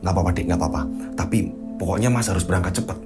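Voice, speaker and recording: A man voicing a worried young husband who speaks low, hushed and evasive. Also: very fast, close to an everyday voice. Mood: nervous. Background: background music.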